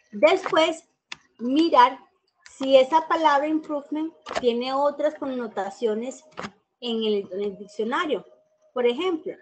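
A woman's voice: high-pitched, a little hiss or hum, low-quality recording. A middle-aged woman teacher explaining a class assignment in an informal, example-filled way, with many fillers, recorded on a computer microphone. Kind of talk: screen-recorded tutorial explanation.

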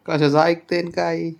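A man's voice: a little high, creaky. A man coaxing his pet cat in doting baby talk at home late at night. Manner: coaxing, doting sing-song. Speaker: pet owner.

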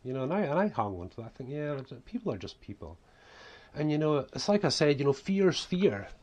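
A man's voice: a little high, big pitch swings, quick pace, darkish tone, highs cut off. A man in his forties with a broad Scottish accent, rambling through unscripted, casual talk to camera at home, often saying "you know". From Scotland. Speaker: vlogger and author. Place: small home room, indoors.

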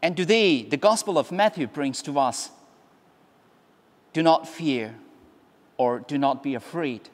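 A priest in his forties gives a homily in a fairly high male voice. He speaks slowly, pausing between short phrases, with long cathedral-like echo around him. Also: animated. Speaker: priest preaching. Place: brick-walled church, at lectern. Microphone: gooseneck lectern microphone.

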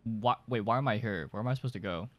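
A young man streaming horror games with live commentary, jumpy and excitable, speaking into a close desk mic. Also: fairly low pitch, fast, no room sound. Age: young adult. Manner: jumpy, excitable, often yelping and screaming. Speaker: game streamer. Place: small bedroom streaming setup, indoors. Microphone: desk microphone close to the mouth, headphones on. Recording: game sounds and clicks behind voice.

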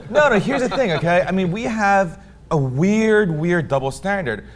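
A man's voice: high-pitched, lively intonation, moderate pace. Emphatic male co-host arguing his view. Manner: emphatic, argumentative, repeats points. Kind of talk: casual opinion talk.

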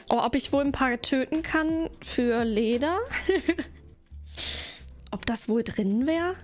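A woman streaming a game, chatting playfully with her viewers while she plays. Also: a little high. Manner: playful, chatty, talks to chat while playing. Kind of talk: casual gaming livestream chat.

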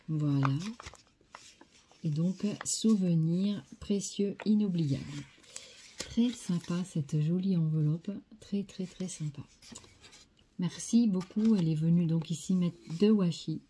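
A woman's voice: on the low side, dark tone, breathy edge. A French woman hosting a scrapbooking video, chatting casually as she shows craft mail and repeating how nice each piece is. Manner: chatty, enthusiastic, repeats "très sympa".

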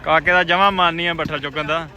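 This is a man with a notably high voice and a bright, forceful edge. He gives casual vlog commentary out of doors, full of hearty, loud banter, teasing and egging on the men around him. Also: fairly even intonation, quick pace. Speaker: vlogger. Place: outdoors at a riverside sand-loading site with tractors.

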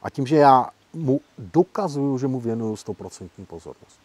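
A man who works as a professional negotiator, explaining his methods in an interview in a lively, emphatic way. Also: mid-range voice, no echo. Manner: lively, emphatic, acts out example quotes. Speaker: professional negotiator, guest speaker.

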